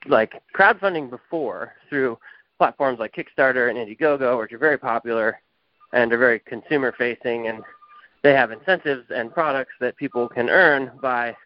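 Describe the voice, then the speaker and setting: A man's voice: mid-range voice, normal speed. A man, a company founder, heard over the phone in an interview, giving long explanatory answers with frequent fillers. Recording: muffled, dry phone line.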